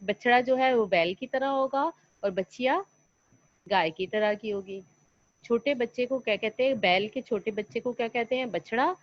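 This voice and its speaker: A woman teacher giving an online lesson to young children, coaxing them along by asking questions and answering them herself. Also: a little high. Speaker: primary school teacher. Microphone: computer mic on an online class call. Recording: slightly dull lo-fi online call audio.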